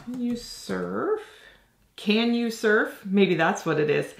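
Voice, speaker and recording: Unboxing items at her home office desk, a reseller vlogger in her forties chats casually, her mid-range voice slightly nasal from a cold and a bit creaky. She's animated yet slow-paced, thinking aloud as she handles the items, in an echoey room.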